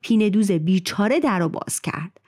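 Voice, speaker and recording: A woman storyteller narrating a folk tale in a lively, expressive way. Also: medium pitch.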